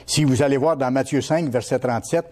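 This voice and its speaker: A male pastor teaches from the pulpit at a fairly quick pace, using a mellow, warm voice of ordinary pitch. He leans on repeated key words and keeps putting questions to those listening.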